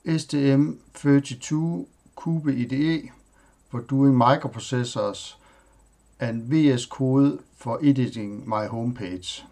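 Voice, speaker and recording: A Danish-speaking man with a warm, medium-pitched voice hosts a screen-recorded tech tutorial, walking through his computer setup. His delivery is plain and halting as he lists items, pausing and using fillers.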